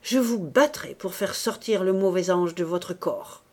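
A woman's voice: fairly low pitch, a little slow, a little mellow. Woman voicing a scornful, furious priest. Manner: harsh, scornful declamation. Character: stern man, a priest, contemptuous and furious.

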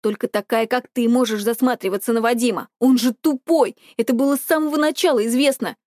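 A woman's voice: on the high side, fairly quick, darkish tone, dry recording, clean studio sound, natural voice. A woman voicing a spiteful, controlling teenage older brother who talks in a sneering, scornful way.

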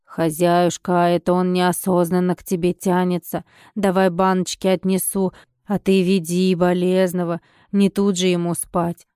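A woman voicing an old male house spirit, gruff but caring, in a slow homely drawl. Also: fairly low pitch, monotone, mellow, no echo, clean studio sound, pitched below the performer's own voice, lightly acted. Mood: soothing.

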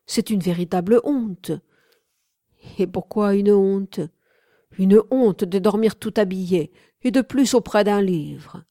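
A woman doing a gruff old Cossack servant. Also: mid-range voice, slow pace, mellow, no room sound, clean studio sound. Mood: scolding. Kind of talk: audiobook reading.

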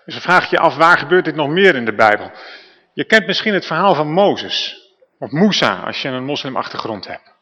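A man's voice: fairly high pitch, sing-song, fairly quick, pushed and bright. A man preaching a sermon in a conversational storytelling manner, with asides to the listeners. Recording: reverberant church hall.

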